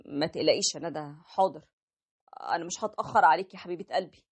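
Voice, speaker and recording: A woman's voice: low voice, fast talker, breathy edge. A woman voicing a tender, apologetic young husband who narrates his own story, with an Egyptian accent. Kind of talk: animated story voice acting.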